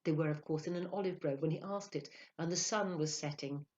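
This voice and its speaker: A woman narrating a literary short story aloud in an expressive, dramatic way, hushing for quiet moments. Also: low voice, brisk, highs cut off. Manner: expressive, dramatic, hushes for awe. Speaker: audiobook narrator.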